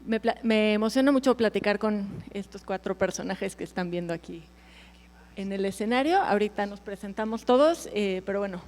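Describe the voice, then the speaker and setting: A woman's voice: medium pitch, lively intonation, brisk, a little mellow. A woman with a Mexican accent moderating a panel as a travel journalist, welcoming. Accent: Mexican Spanish.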